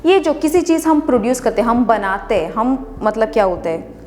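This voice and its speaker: Higher-voiced woman teaching English in Hindi. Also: lively intonation, a little mellow, slight background noise. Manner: patient, repeats each word slowly and spells it out. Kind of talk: explaining English words in Hindi. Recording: long reverb with music behind.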